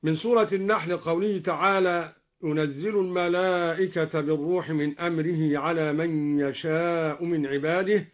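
High-voiced man teaching Quran readings. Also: steady tone, dull audio. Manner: alternates plain explanation with slow melodic recitation. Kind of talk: explaining and reciting Quran variant readings.

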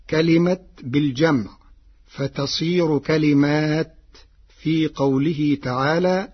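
A man with a somewhat high, husky voice gives a scripted religious explanation. He speaks very slowly and deliberately, and the broadcast recording sounds dull and muffled. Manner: slow, careful, deliberate delivery. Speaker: presenter explaining Quran readings.

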